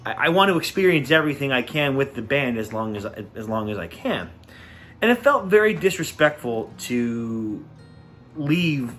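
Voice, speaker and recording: A man's voice: on the high side, fairly bright tone. A man giving a casual, enthusiastic concert review, gushing and repeating words as he talks.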